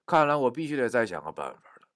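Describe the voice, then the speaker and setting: Animated male storyteller. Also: medium pitch, fast, dry recording, clean studio sound. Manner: animated, dramatic, swings from hushed to shouting. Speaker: narrator. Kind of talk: first-person audiobook narration.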